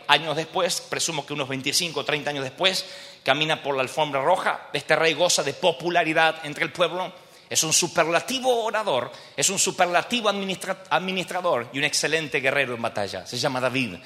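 A man's voice: on the high side, pushed and bright. A man preaching a sermon at a congress, emphatic and calling out to the audience in a large hall. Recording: long hall reverb.

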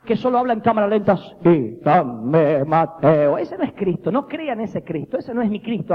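A man preaching a lively, jokey sermon, acting out the voices he quotes. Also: high-pitched. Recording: dull lo-fi recording with faint noise.

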